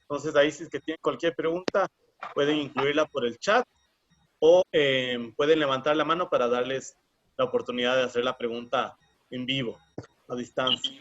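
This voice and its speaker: A man's voice: medium pitch, steady tone, normal speed, a bit bright, a little hiss or hum. A man moderating an online workshop, speaking in a polite, organizing way over a video call. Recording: muffled lo-fi video call audio.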